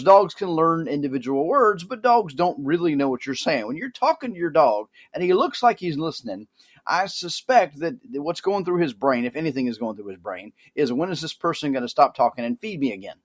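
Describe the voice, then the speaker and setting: A man hosting a podcast, giving a dry, sardonic, mock-serious comic monologue. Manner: lively, animated pitch. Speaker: podcast host.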